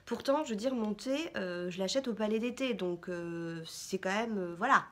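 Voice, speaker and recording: A woman's voice: medium pitch, moderate pace, fairly bright tone. Chatty woman rambling through a haul. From France. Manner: chatty, rambling, many fillers. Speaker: vlogger. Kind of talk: casual shopping haul chat.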